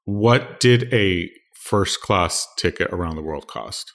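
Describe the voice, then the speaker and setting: A man co-hosting a casual podcast chat, who backs the story with quick agreement and follow-up questions. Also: deep voice, lively intonation, fairly bright tone. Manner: quick affirming interjections, asks follow-up questions.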